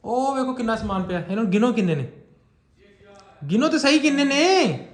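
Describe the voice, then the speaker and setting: A man's voice: very animated, fairly quick. A young man with a Punjabi accent, teasing his mother in a family prank vlog. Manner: teasing, swings between loud and low. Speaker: vlogger son. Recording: echoey room.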